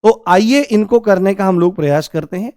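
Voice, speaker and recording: A man's voice: high-pitched, darkish tone, no echo, studio quality. A young man teaching a Hindi grammar class who keeps quizzing his students with questions and stretches out the answers in a sing-song way. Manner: repeats key answers in a drawn-out, sing-song way. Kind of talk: classroom lecture.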